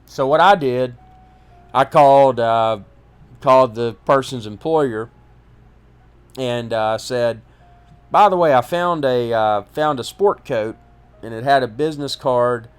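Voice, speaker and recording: Smooth-voiced man telling his story. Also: mid-range voice. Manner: halting, many restarts and fillers. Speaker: podcast host recounting personal story. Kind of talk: casual first-person storytelling.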